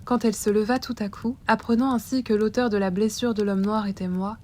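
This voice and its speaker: A woman storyteller reading aloud from a classic tale, with a measured and expressive delivery. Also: medium pitch.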